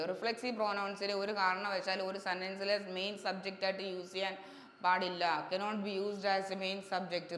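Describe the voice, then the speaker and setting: A medium-pitched woman from Kerala, India, teaches an exam-prep grammar lesson in a level, even tone. She drills by repeating each point and pauses with quick questions to check that students follow. The room is echoey with a long reverb tail over a faint hiss.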